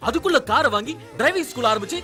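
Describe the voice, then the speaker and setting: A joking young friend in a dubbed film, quick to scold a careless driver. His voice jumps up and down and the words rush out bright. Faint music sits behind him. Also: very high voice, full character voice. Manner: joking, animated.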